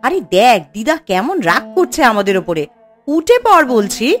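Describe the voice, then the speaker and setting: A woman's voice: medium pitch, big pitch swings, brisk, close to an everyday voice. A woman voicing a caring, coaxing eldest granddaughter in a cartoon, pleading with her grandmother and rousing her sisters. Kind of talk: animated cartoon voice acting. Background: faint music.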